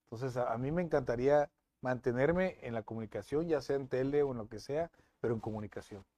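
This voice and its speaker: A man, a TV news presenter being interviewed, telling stories in a lively way with many restarts. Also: medium pitch, a little fast, dry recording. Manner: animated storytelling with frequent restarts. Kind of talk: casual interview chat.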